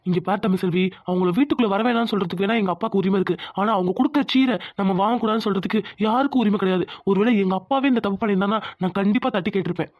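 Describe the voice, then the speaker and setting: A woman's voice: mid-range voice, racing, few pauses, darkish tone, dry recording, natural voice. A woman voicing a firm, protective young husband who lectures and reassures his wife. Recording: dull lo-fi sound.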